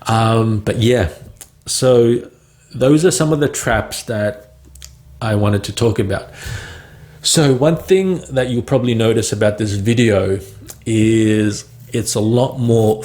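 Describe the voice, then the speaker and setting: A lowish, slightly mellow male voice comes from a vlogger who stutters and talks casually about stuttering. His loose speech includes blocks, repeated words and plenty of "right?" and "um."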